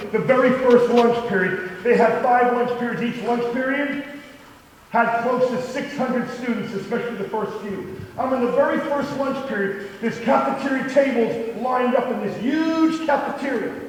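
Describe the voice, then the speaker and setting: Fifties guy giving a school assembly talk, fairly high voice, big echoey hall, mic far off. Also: a little hiss or hum. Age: 50s. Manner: earnest storytelling, dropping to quiet emphasis. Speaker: motivational speaker. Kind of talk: storytelling speech at a school assembly.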